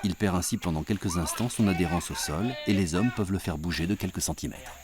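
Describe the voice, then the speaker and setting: A man's voice: deep voice, fast talker, heavy background noise. A man narrating a wildlife documentary from a script.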